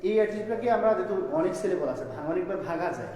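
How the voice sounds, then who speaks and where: A man's voice: high-pitched, lively intonation, racing, warm tone. A man teaching a classroom grammar lesson, explaining step by step and asking his students questions as he goes. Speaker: school teacher. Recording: echoey room, long reverb.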